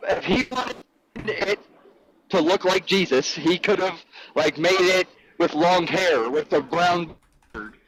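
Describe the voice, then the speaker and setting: A man debating on a live stream, halting and stammering as his call audio cuts out and breaks up. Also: sits high, lively intonation, a bit bright. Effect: call audio cutting out and breaking up. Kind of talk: heated online debate. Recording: noisy, dropping call line.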